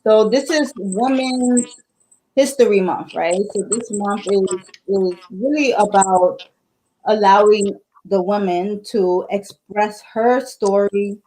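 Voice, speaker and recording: A woman's voice: mid-range voice, takes it slowly, warm tone, poor audio. A woman hosting a livestream interview over a video call, upbeat and fond of asking "right?" and "okay?". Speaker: livestream host. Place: indoors at home. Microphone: earphone mic on video call.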